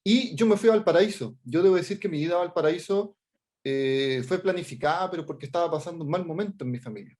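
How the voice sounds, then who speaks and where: A man with a Chilean Spanish accent, middle-aged, speaks in a darkish voice on the high side. The artist and teacher walks through his work informally on a video call for a workshop, hesitating, restarting, using lots of fillers and repeatedly saying "¿ya?".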